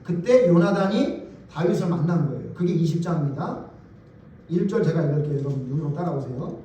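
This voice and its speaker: High-voiced pastor preaching in echoey hall. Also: male voice, a little hiss or hum. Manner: lively storytelling, acting out biblical dialogue casually. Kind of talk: sermon. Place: church sanctuary. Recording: echoey church hall, mic at a distance.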